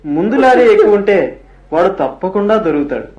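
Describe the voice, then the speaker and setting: A man's voice: high voice, lively intonation, brisk, a little mellow, highs cut off. An actor playing a kind fellow traveller who comforts a grieving father in a radio play. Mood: consoling. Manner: coaxing, comforting, urging others to hurry. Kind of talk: radio drama acting. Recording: echoey radio drama recording.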